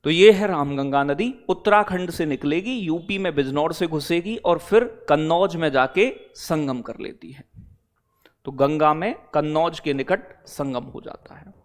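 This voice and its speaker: Man, fairly high-pitched, chatty online tutor, blunt asides, keeps checking in with students. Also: a little slow. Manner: addresses students as beta and bhai, repeats "theek hai bhai?"; digresses into blunt talk, then back to teaching. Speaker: exam-prep teacher. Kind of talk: live online class, chatty lecture.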